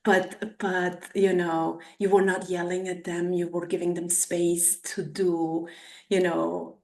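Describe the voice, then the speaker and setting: Slow, level and on the low side, this podcast host's voice is creaky and a little mellow. She reads a scripted introduction, then chats casually, recorded far from the mic in a roomy, echoing space.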